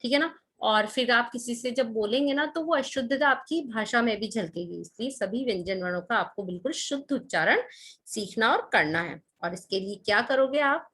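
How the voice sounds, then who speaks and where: A woman's voice: fairly high pitch, lively intonation, moderate pace, fairly bright tone, slightly rough. A woman teaching a grammar lesson to children, patient, asking the class questions and repeating key points.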